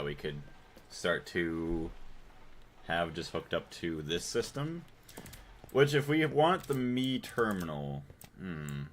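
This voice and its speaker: Low-voiced us guy on a gaming stream, thinking out loud, thanking chat, faint typing in the background. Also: slight background noise. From United States. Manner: rambling, thinks aloud, reads and thanks chat. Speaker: gaming livestreamer. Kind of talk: casual live-stream chat while playing.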